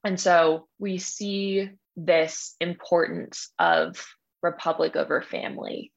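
A young woman, a graduate student and podcast guest, tells a story in a lively, slangy, casual way. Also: fairly low pitch, takes it slowly, creaky, muffled recording. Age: young adult. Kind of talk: casual chat.

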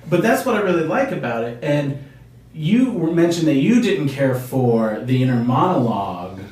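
A man's voice: a little high, sing-song, normal speed, a little mellow. A man co-hosting a podcast, chatting casually and eagerly about comics, laughing now and then. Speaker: podcast co-host. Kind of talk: casual comic book chat. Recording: distant mic, very echoey room.

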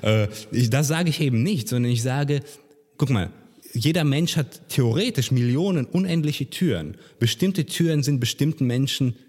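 A man's voice: medium pitch, lively intonation, normal speed, a little mellow, in a large hall. A young man co-hosting a casual podcast, arguing in an opinionated, emphatic and sarcastic way. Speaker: podcast co-host.

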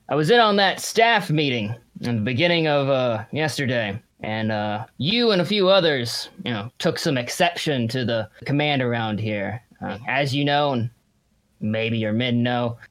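A man voicing a gruff, blunt military colonel with a cowboy air in a tabletop roleplaying game. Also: mid-range voice, a bit bright, natural voice.

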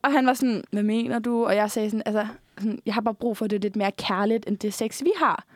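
A woman's voice: fairly high pitch, fairly even intonation, no echo, clean studio sound. A young Danish woman co-hosting a casual podcast chat, telling candid stories, often quoting herself and others, laughing easily. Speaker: podcast co-host.

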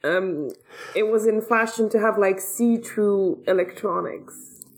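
A woman's voice: medium pitch, slow, rough recording. A woman co-hosting a podcast in casual chat, with a wry, joking manner and some swearing. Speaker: podcast co-host.

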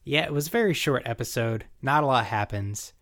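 A man's voice: medium pitch, animated, a little fast, fairly bright tone. A young man co-hosting a podcast in a casual, informal recap chat, given to swearing and paraphrasing dialogue. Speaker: podcast co-host.

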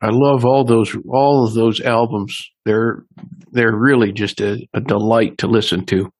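A man's voice: lowish voice, steady tone, a little slow. A man interviewing a guest in a polite, appreciative, conversational way.

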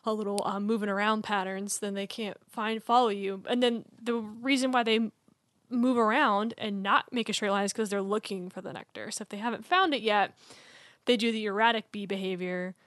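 A woman's voice: mid-range voice, steady tone, fairly quick, no echo. Southern woman co-host, rambly casual chat, dry close mic, voice trailing off. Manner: rambling, filler-heavy, trails off softly. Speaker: podcast co-host.

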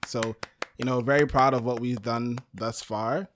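A man's voice: medium pitch, steady tone, moderate pace, fairly bright tone, slight background noise. A man from Brooklyn, a podcast network founder, talking loosely as an interview guest with lots of "um" and "you know". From Brooklyn, New York, USA. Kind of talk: casual interview talk.

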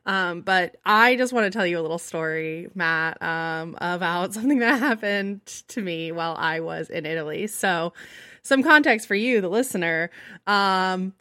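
Bright-voiced woman telling a funny story. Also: fairly low pitch, moderate pace, no room sound, clean studio sound. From United States. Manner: animated storyteller, laughs often. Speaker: podcast co-host.

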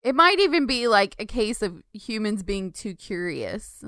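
A woman's voice: medium pitch, sing-song, unhurried, a bit bright, no room sound, studio quality. A woman co-hosting a podcast in casual chat, bantering and laughing often. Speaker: podcast co-host.

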